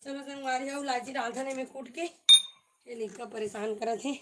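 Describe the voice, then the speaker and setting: A woman with a Chhattisgarhi accent hosting a casual live cooking stream from her home kitchen, chatting to viewers while hushing and directing a small child. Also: high voice, steady tone, normal speed, very noisy. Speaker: cooking vlog host.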